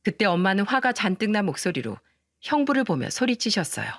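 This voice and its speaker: Woman narrator, first-person story, indignant tone, mid pitch, dry close mic. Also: very animated, brisk, no echo.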